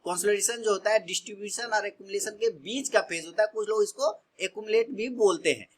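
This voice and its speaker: A man's voice: sits high, fast talker, breathy edge. A man from India teaching stock trading in a casual way, asking himself questions and answering them, often repeating his words.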